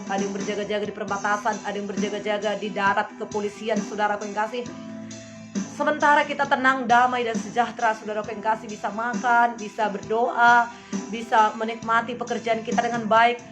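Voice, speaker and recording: A woman pastor, preaching and praying fervently and calling out to her listeners again and again. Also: mid-range voice. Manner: fervent, repeatedly calls the listeners "my brothers and sisters". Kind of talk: sermon and spoken prayer. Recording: music playing behind the voice.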